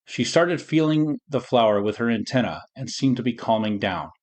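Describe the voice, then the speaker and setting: A man narrating a children's story in a calm, steady voice of middle pitch. He reads evenly and clearly. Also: moderate pace.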